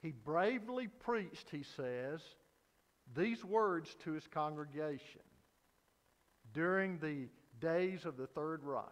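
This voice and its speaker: A man's voice: fairly high pitch, expressive, takes it slowly, in a large hall. A man preaching an evening sermon at a pulpit microphone, telling a story earnestly with frequent hesitant fillers. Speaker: pastor.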